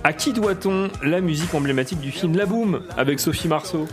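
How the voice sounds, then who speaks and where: A man hosting a radio quiz, relaxed and joking with the team. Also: a little high, fairly quick, over music. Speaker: quiz host.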